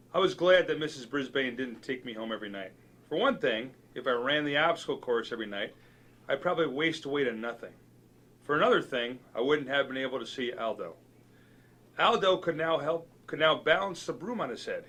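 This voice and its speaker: A man reading a children's novel aloud with lively, expressive storytelling. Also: mid-range voice. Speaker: reader.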